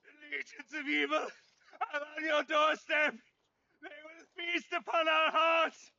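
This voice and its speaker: An actor playing a frantic, grieving male refugee who shouts warnings of doom, in a video game. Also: extremely high pitch, flat delivery, measured pace, creaky, no echo, heavily acted. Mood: ranting. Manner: shouting, ranting, wild. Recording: muffled game audio.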